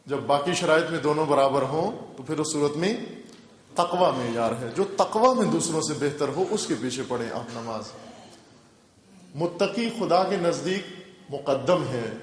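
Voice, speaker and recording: A man's voice: on the high side, lively intonation. A male Islamic scholar giving a religious lecture with a Pakistani Urdu accent, explaining step by step and repeating key terms for emphasis. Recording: echoey hall reverb.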